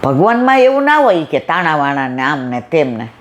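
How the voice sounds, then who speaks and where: A woman's voice: sits low, big pitch swings, normal speed, slight background noise. Woman satsang speaker, folksy devotional storyteller who voices her characters. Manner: acts out family dialogue in a folksy style.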